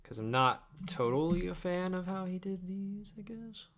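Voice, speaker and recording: Editing video live at his home computer, a young man chats in an offhand way and occasionally mutters under his breath. His voice sits high and is expressive, slightly bright, and at normal speed, with clicks and typing audible throughout.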